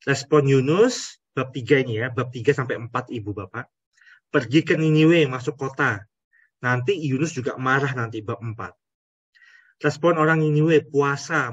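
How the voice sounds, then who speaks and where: Husky-voiced priest teaching Scripture. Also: male voice, mid-range voice, a bit bright, no room sound, dull audio. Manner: asks rhetorical questions, addresses the audience directly. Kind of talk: conversational Bible teaching.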